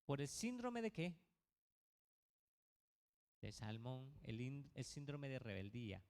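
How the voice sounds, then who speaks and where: A man's voice: medium pitch, lively intonation, slow pace, a little mellow. A male pastor preaching a sermon to his congregation, asking many rhetorical questions. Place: church. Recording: reverberant church hall.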